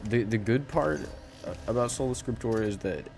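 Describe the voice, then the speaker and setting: A man giving casual commentary while he plays a game, rambling with halting starts and frequent self-corrections. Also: lowish voice, animated, a little mellow, slight background noise. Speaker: gaming channel host.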